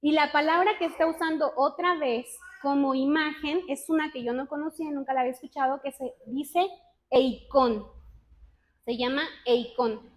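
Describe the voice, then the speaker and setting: Leading a relaxed Bible study for women, this high-voiced ministry speaker keeps a steady tone. Her talk is chatty and self-deprecating, full of questions to the group, while her scripture reading turns slow and deliberate, every word weighed.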